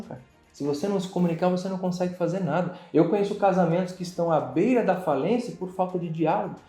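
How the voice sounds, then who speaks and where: A Brazilian man who is a guest on an interview, telling a motivational story in an animated, dramatic way and acting out other people's lines. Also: fairly high pitch. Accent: Brazilian Portuguese. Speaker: interview guest, business owner. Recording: echoey room with faint music.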